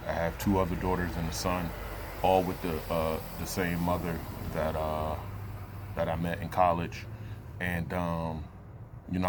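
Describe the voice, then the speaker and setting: Man, late thirties, very low voice, loose halting vlog talk, lots of fillers. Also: slight background noise. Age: 30s. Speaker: vlogger. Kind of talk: reflective personal talk to camera.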